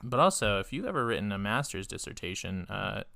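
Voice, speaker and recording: A man's voice: fairly low pitch, sing-song, fairly quick, vocal fry, pushed and bright, no echo, studio quality. A man co-hosting a podcast in casual chat, rambling with lots of fillers, casual swearing and frequent laughs. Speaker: podcast co-host.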